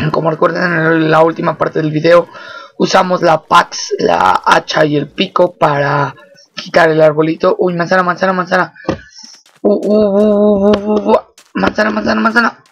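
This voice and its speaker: A man's voice: on the high side, a bit bright, rough recording. A man, chatting casually as he narrates his own moves in a gameplay video. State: hoarse. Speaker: gaming video creator.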